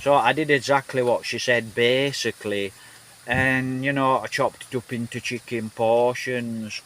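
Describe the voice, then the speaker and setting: A man's voice: medium pitch, fairly even intonation, measured pace, fairly bright tone, slight background noise. Rambling Northern English man vlogging. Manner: rambling, repeats himself, many "you know" fillers. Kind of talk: casual rambling vlog chat. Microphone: phone held in hand, then on a gimbal.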